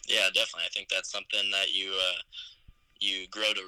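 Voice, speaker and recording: A man's voice: sits low, little pitch movement, fast, pushed and bright, dry recording, rough recording. A man in his twenties co-hosting a casual movie review podcast, hesitant with many ums and chuckling while recounting scenes. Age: 20s. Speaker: podcast co-host.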